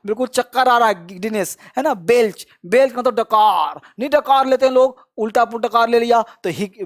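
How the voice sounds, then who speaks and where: A male teacher giving a spoken vocabulary lesson. He drills each word with frequent repetition, asks listeners to repeat after him, and praises them often. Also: extremely high pitch.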